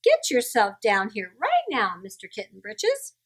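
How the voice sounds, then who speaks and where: An exasperated storybook mother cat, played by a woman, high-pitched and swooping widely. She lectures sternly, hitting her words hard and slowly. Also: huge pitch swings, heavily acted. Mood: scolding.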